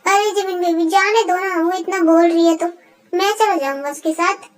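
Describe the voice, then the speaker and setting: A woman's voice: extremely high pitch, normal speed. A woman voicing an easygoing young husband who coaxes his wife, in a fan-made dub. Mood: coaxing. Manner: coaxing.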